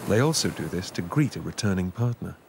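A man narrating a scripted nature documentary in a measured, informative way. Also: low voice, lively intonation, vocal fry, heavy background noise.

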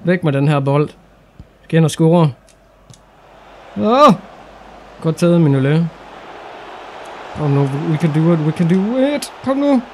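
A young Danish man commenting on his own football game playthrough, excitable and casual, shouting at big moments. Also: on the high side, pauses often, slight background noise. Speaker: gaming YouTuber. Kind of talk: excited let's-play commentary.

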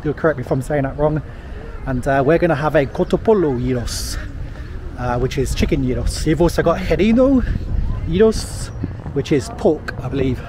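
With lively intonation and a voice on the high side, an Englishman vlogs while walking around a busy city, speaking at normal speed. He chats casually and rambles with many fillers into a handheld camera at arm's length, and the recording is noisy with traffic and street ambience.

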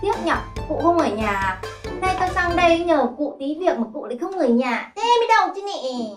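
A woman's voice: very high-pitched, sing-song, moderate pace. A woman playing a brash, gossipy rich landlord's wife in a slapstick comedy film, blunt and bossy. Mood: complaining. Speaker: comic lead. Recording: echoey room with music underneath.

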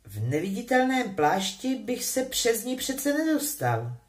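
A woman's voice: a little high, sing-song, voice pushed up. A woman voicing a frustrated, defensive teenage boy wizard in a storybook reading, speaking up with insistence. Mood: insistent.

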